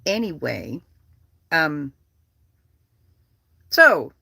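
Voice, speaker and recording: Extremely slow, creaky and husky, the mid-range voice of a livestream host wanders through casual, profane, animated chatter full of repeated phrases. There is no echo.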